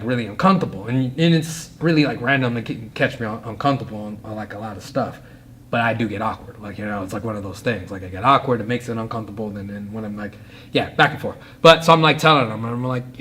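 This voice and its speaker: Low-voiced man telling a rambling story. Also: a little hiss or hum. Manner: rambling, filler-heavy, animated. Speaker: podcast guest, fighter. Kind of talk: casual storytelling.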